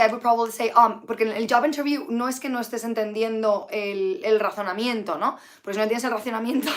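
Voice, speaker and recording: Hoarse woman teaching English. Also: fairly high pitch. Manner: chatty, mixes Spanish and English, reads out viewer comments. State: sick with flu, tired. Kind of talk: live-streamed English lesson.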